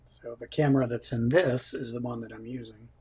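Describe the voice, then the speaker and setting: A man's voice: mid-range voice, steady tone, a little fast, a little mellow, husky. A man hosting a casual cooking livestream from his home kitchen, chatting and reading out viewer comments as he eats. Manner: chatty, reads out viewer comments, laughs often. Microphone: built-in camera microphone. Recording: dull lo-fi camera mic audio.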